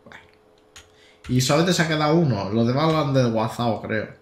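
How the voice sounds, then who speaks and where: A man's voice: mid-range voice, lively intonation, fairly quick, reverberant. A man in his thirties from Spain, chatting casually and joking as he drives a train in a live-streamed simulator game. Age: 30s. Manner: joking and rambling, with stammered restarts and bursts of laughter. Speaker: gaming streamer.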